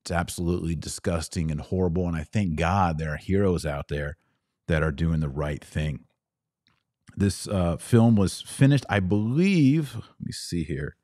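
This American podcast host has a fairly low, warm voice and talks at a normal speed, delivering live-streamed opinion commentary on the news. His style is conversational, with short phrases punched for emphasis. The sound is dry and close, studio-like, with no room sound.

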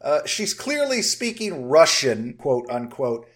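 A man's voice: on the high side, big pitch swings. Man hosting a film review chat. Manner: talkative, measured, with frequent "uh" fillers. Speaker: film review podcast host.

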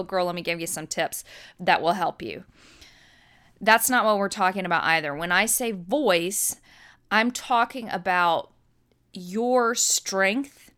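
A middle-aged woman from the United States hosts a podcast as a birth educator, delivering a teaching monologue in an earnest, teacherly way and repeating words for emphasis. Her voice sits on the low side, smooth with a fairly bright tone.

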